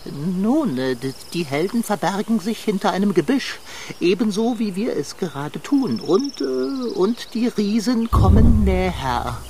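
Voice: mid-range voice, sing-song, measured pace, noisy background. A performer voicing a male tomcat in a radio play, a theatrical, know-it-all novelist with a gloomy, lofty way of talking, heard outdoors. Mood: hesitant. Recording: outdoor nature ambience with loud crickets. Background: crickets and insects in the countryside.

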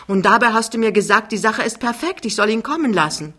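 Lady playing a vain older mum, shrill and scolding, high bright voice. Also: lively intonation, fast talker. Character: vain, indignant older mother.

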